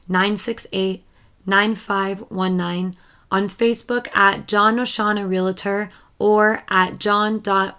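A woman hosting a podcast, reading promos and sponsor thanks briskly and then asking her guest gentle, probing questions. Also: mid-range voice, clear, resonant tone. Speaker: podcast host. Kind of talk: podcast intro and interview.

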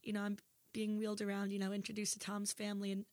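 A woman's voice: mid-range voice, completely flat delivery, fast talker, darkish tone, no echo. Woman guest, casual story, level intonation, close dry mic. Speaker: singer, podcast guest.

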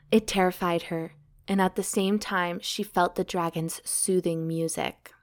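Slow-talking woman reading a novel aloud. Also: fairly low pitch, steady tone. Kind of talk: casual read-aloud with commentary.

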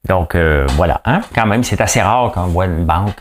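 A man's voice: deep voice, animated, moderate pace, slight background noise. A man with a Québécois French accent hosting a podcast, giving opinionated news commentary full of rhetorical questions and acted-out quotes. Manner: rhetorical questions, folksy and emphatic; acts out quoted voices mid-rant. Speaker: podcast host.

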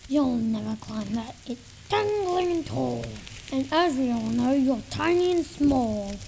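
A man voicing a boastful, sneaky big bad knight in a high, creaky voice, taunting in sing-song rhymes. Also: expressive, a little slow, darkish tone, a little hiss or hum, exaggerated voice, low-quality recording. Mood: gloating.

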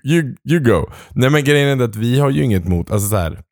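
A man's voice: medium pitch, expressive, gravelly, darkish tone, no echo, studio quality. A man co-hosting a casual podcast chat, giggling often and mimicking voices in playful asides. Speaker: podcast co-host.

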